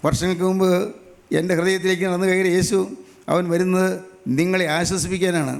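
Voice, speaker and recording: An older male preacher delivering a fervent evangelistic sermon at a brisk clip. His voice sits high for a man and stays level in pitch. He builds his points from short, rhythmic repeated phrases and leads his listeners through a prayer line by line. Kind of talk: evangelistic sermon with altar call.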